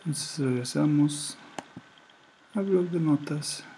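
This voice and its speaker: A man giving a relaxed screen-recorded web design tutorial, thinking aloud and reading out words as he types them. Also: fairly high pitch, slow pace. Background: keyboard typing and faint room noise.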